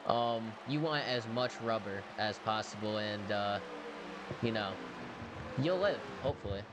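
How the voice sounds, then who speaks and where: A man's voice: expressive, unhurried. A man giving casual color commentary on a race in an informal, slightly hesitant way. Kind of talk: casual racing analysis. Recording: very noisy audio with vehicle-like rumble.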